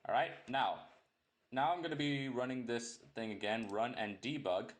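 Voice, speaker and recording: A young man with a medium-pitched voice teaches a programming lesson at normal speed in a casual screen-recorded coding tutorial. He speaks English as his first language and rambles, often correcting himself and tossing in jokey asides.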